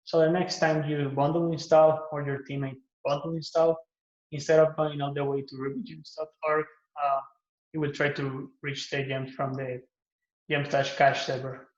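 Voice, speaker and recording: A man's voice: a little high, normal speed. Man from Guatemala in an echoey room. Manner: relaxed, with frequent "uh" and "um" fillers and self-repairs. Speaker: open source maintainer giving a project pitch. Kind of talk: recorded conference pitch talk. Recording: echoey, muffled lo-fi room recording.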